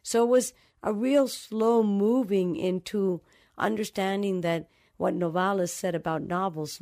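A woman's voice: lowish voice, a little mellow. A woman from the Dominican Republic, a novelist giving reflective, storytelling answers in an interview. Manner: thoughtful, acts out remembered dialogue.

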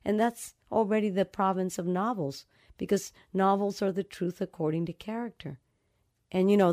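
In a medium-pitched, slightly mellow voice, a woman from the Dominican Republic answers interview questions as a novelist would, reflectively and through stories. She comes across as thoughtful, voicing remembered conversations.

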